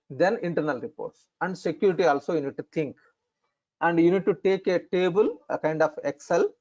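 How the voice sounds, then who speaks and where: A man with an Indian accent explaining things as an instructor in an online lesson, in halting, repetitive phrasing. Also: on the high side, a little mellow. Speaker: instructor in functional finance consulting. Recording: dull, lo-fi online call audio.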